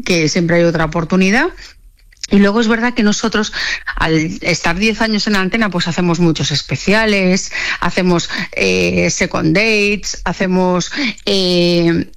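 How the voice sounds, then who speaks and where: A woman, a television producer, answering interview questions with enthusiasm and frequent repeated words. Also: lowish voice.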